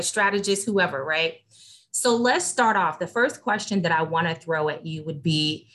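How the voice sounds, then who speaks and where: A woman hosting a podcast interview, chatty and upbeat, piling up long lists as she talks. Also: lowish voice. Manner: upbeat, chatty, list-making. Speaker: podcast host.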